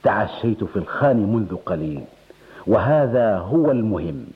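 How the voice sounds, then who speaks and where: An actor playing a humble but wily stranded traveler in a radio comedy drama, with theatrical, drawn-out classical delivery. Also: male voice, on the low side, very animated. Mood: resigned, good-humoured. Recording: muffled, phone-like old radio recording.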